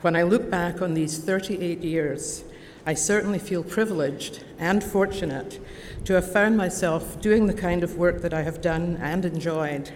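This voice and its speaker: A woman in her sixties from Scotland, with an Edinburgh accent and a lowish voice, delivers a formal convocation address from a podium. As an honorary degree recipient, she speaks in a measured, deliberate, warmly earnest way through a prepared ceremonial speech. The large convocation hall gives a long reverb, with faint background noise.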